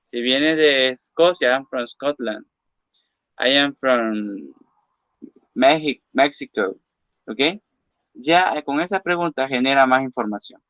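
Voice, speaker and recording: In a recorded classroom lesson, a man teaches English by saying phrases slowly, then translating and explaining them, checking in with "ok?" along the way. His voice is mid-range and a bit bright, with no room sound, in a dull, lo-fi, dry recording.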